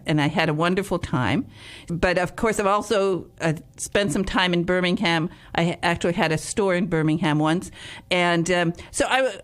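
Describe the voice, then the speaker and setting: A woman hosting a radio interview, chatty and rambling, laughing often between her questions. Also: fairly low pitch. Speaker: radio host. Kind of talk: casual interview chat.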